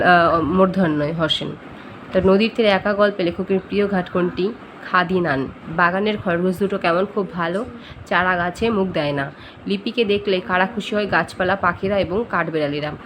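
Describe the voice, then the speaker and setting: A woman's voice: lowish voice, slight background noise, poor audio. A woman teacher with a Bengali accent, giving an online class and reading out question-bank answers, spelling out letters step by step.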